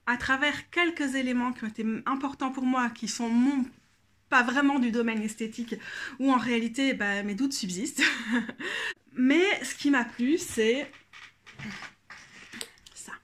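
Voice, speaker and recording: A woman's voice: a little high, a bit bright. A French-speaking woman with a bad cold, chatting casually in a tarot deck review, hesitant with many fillers.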